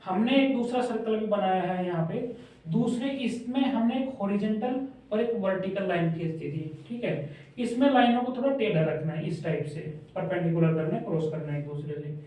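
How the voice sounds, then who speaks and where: A man's voice: sits high, moderate pace, mellow. A man teaching a shorthand lesson at a board, repeating each point and checking that students follow. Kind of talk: classroom lesson at a whiteboard. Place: classroom with a board. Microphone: camera's mic from across the room. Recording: very echoey room, voice far off.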